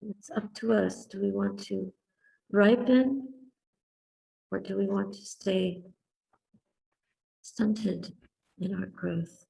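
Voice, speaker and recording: A woman meditation teacher speaks very slowly, leaving space after each short phrase. Her soft voice is mellow and relaxed, with a creaky edge at the ends of phrases. She guides listeners in a calm, contemplative way. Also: medium pitch, distant mic, low-quality recording. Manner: calm, deliberate, contemplative, with long pauses between short phrases. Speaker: Buddhist nun teaching and guiding meditation. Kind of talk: Dhamma talk and guided meditation.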